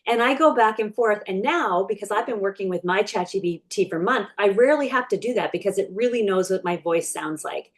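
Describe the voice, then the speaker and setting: Woman, business coach, talking through a screen-share lesson off the cuff, with a mid-range voice, loose and chatty, slowing down while she types out prompts. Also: medium pitch, expressive. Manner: chatty and unscripted, with frequent fillers and restarts; slows right down while dictating prompts. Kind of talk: casual screen-share tutorial.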